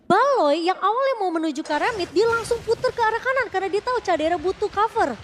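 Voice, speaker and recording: A woman's voice: extremely high pitch, lively intonation, quick pace, slight background noise. A woman with an Indonesian accent analysing a live esports match as a commentator. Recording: loud music behind. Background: loud music.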